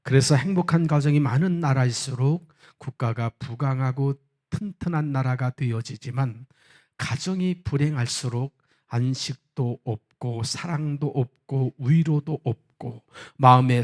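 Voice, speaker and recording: A male pastor delivers a Sunday sermon in church, telling a story in a measured, unhurried way. His voice sits at an ordinary middle pitch for a man. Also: darkish tone. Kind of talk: sermon with humorous anecdote.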